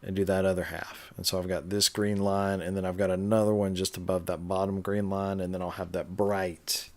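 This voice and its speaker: Deep-voiced man chatting on a livestream. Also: brisk. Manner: relaxed, chatty, talking while stitching and reading chat. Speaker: cross stitch livestreamer. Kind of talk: casual livestream chat. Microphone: webcam livestream setup.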